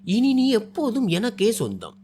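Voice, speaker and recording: A man voicing a charming, possessive young man who teases and coaxes in a lively, swinging voice. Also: high-pitched, normal speed, a little hiss or hum, pitched above the performer's own voice. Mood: tender. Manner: teasing, coaxing, turns cold and threatening.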